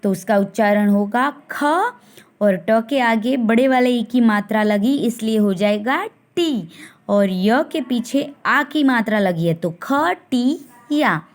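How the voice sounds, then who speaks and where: A woman teaching a primary school language class, speaking slowly and deliberately and stretching syllables to model how each word is pronounced. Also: fairly high pitch. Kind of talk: recorded online class lesson.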